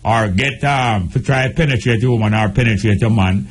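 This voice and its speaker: A man's voice: fairly low pitch, fairly quick. A man with a Jamaican accent and Patois-inflected speech, speaking earnestly as a guest in a political discussion on radio.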